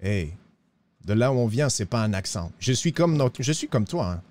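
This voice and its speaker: In a western roleplay, a man plays a broke, bumbling cowboy with a put-on accent, speaking theatrically and pleadingly, sliding his pitch and tacking "hein" onto his lines. His voice is sing-song and darkish, at a moderate pace, close to an everyday voice.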